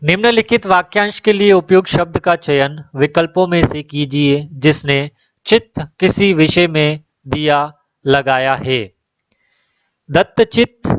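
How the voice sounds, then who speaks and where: A teacher works through exam questions one at a time, reading each question and its options before giving the correct answer. His voice is a little high, the recording has no echo, and the highs are cut off.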